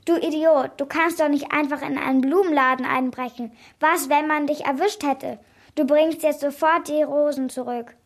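A woman voicing a shrill wife who scolds her husband in a storybook reading. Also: animated, slow, few pauses, sharp tone, exaggerated voice. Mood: scolding.

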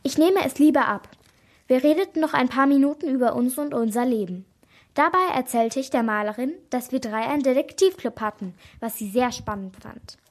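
A woman reading a first-person children's crime story aloud, lively and giving each character a voice. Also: sits high, fairly quick.

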